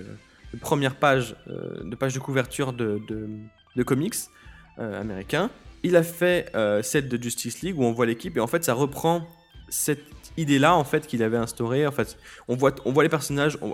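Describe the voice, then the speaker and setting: A man hosting a podcast in casual solo talk, hesitant, with many fillers and restarts. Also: medium pitch. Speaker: podcast host.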